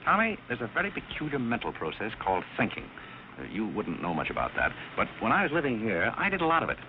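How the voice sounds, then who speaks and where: A debonair, dryly witty gentleman in quick-fire screwball banter. His delivery is brisk and very lively. The 1930s film soundtrack is noisy. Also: lowish voice, phone-quality sound. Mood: earnest, sardonic. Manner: dry screwball comedy banter, wry. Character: wry, debonair man with dry humor. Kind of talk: 1930s film comedy acting.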